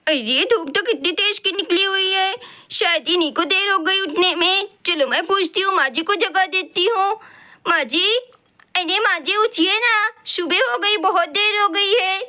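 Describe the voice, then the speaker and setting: A woman voicing a busy young wife who talks briskly and scolds. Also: very high-pitched, pushed and bright, exaggerated voice. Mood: bustling.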